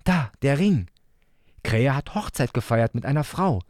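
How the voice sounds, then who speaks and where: A man voicing an earnest little boy, the narrator's younger brother, who talks slowly in simple, halting phrases. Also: medium pitch, lively intonation, darkish tone, no room sound, clean studio sound, voice pushed up, natural voice. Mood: earnest, caring.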